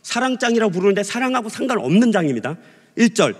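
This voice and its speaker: A middle-aged man preaching a storytelling sermon as pastor, animated, acting out the voices of people in his stories and swinging between loud and hushed. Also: high voice, fast talker, slightly rough. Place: large church sanctuary. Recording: long hall reverb.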